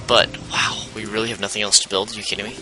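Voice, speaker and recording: Racing along in a level, pushed, bright tone, a fairly low-voiced man provides casual let's play commentary over game music. The audio is poor, and he rambles, breaks off mid-thought often, and explains game mechanics as he goes.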